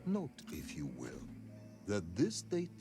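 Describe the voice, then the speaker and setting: Game role: stern general, commanding and clipped, wildly swinging pitch, game music under. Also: male voice, wildly swooping pitch, takes it slowly, exaggerated voice. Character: stern interrogating male general.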